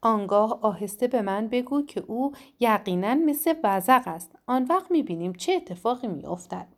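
A woman reading the lines of a teasing, mysterious woman mentor in an audiobook, a little higher than her narrating voice. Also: expressive. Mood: conspiratorial. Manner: teasing, half-whispering at times.

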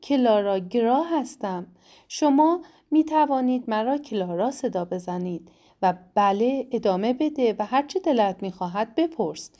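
A woman reading the lines of a blunt, self-assured woman traveler, calm and matter-of-fact. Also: fairly high pitch, lightly acted. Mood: firm.

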